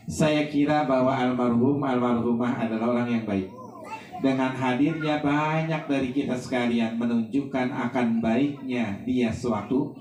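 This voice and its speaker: Joking preacher in an echoey hall. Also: male voice, a little mellow, far from the mic, a little hiss or hum. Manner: joking, switches between low muttered asides and raised preaching. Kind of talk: sermon.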